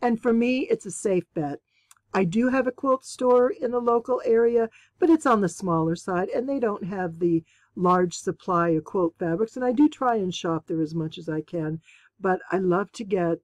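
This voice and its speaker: A woman's voice: medium pitch, moderate pace, darkish tone, no echo. A woman hosting her quilting channel, chatting enthusiastically and exclaiming with delight as she unboxes and shows fabrics. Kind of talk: casual unboxing chat.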